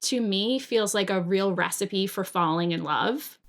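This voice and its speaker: A woman's voice: mid-range voice, measured pace, a bit bright. Chatty woman medium on a podcast. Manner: reflective, many "like" and "you know" fillers. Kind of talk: casual podcast chat.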